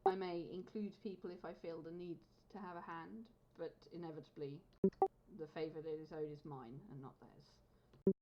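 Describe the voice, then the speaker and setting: A woman's voice: low-pitched, fairly even intonation, normal speed. Woman speaking formally in character. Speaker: player. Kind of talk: in-character roleplay dialogue. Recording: lo-fi recording with clear background noise.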